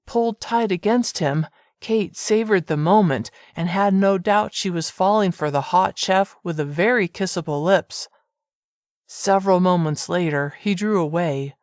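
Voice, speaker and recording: Measured audiobook narrator, dry sound. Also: female voice, on the low side, no room sound. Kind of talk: scripted narration.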